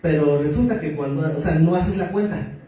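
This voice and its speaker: A man's voice: on the high side, normal speed, mellow. A male pastor, preaching a sermon in a conversational, joking way and asking the audience questions. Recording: very echoey hall, far from the mic, faint noise.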